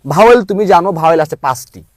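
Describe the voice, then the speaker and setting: A man teaching English pronunciation, spelling out letters slowly before saying each word. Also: high-pitched, lively intonation, a little mellow, dry recording, clean studio sound. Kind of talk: slow spelled-out phonics lesson.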